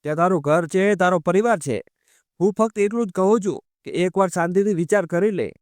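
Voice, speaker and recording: Narrator doing a calm gentle husband, smooth high-ish voice, soothing. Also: male voice, fairly quick, no echo, studio quality, close to an everyday voice. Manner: soothing, explaining tone.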